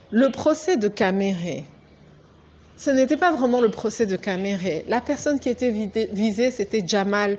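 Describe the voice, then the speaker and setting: An activist woman from Congo delivers an emphatic, pleading political monologue to viewers, often asking them "ok?". Her voice is a little high with a darkish tone, and the recording is dull and lo-fi.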